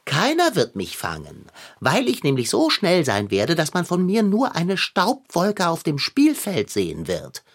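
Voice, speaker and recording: A man's voice: on the high side, huge pitch swings, unhurried, few pauses, slightly rough, exaggerated voice. Man playing a pompous, lofty house cat. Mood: boastful, grand. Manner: old-fashioned, lofty phrasing. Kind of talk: children's audio drama.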